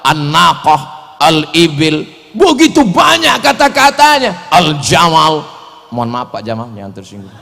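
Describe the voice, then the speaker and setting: A man giving a lively religious lecture, joking and acting out the voices he quotes. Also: fairly high pitch, unhurried, vocal fry. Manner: animated, jokey, acts out quoted voices. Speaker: preacher. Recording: echoey hall.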